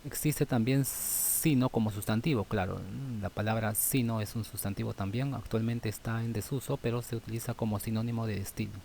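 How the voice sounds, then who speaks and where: A man teaching a grammar lesson, thinking aloud and ending phrases with quick checking questions, with many fillers. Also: lowish voice, vocal fry, a little mellow, a little hiss or hum.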